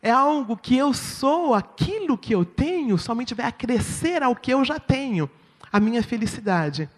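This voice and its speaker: Brazilian woman church speaker, lively swooping delivery, sermon teaching, long hall echo. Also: fairly high pitch, a little slow. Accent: Brazilian Portuguese. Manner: expressive, asks the audience "right?". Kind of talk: sermon-style teaching talk.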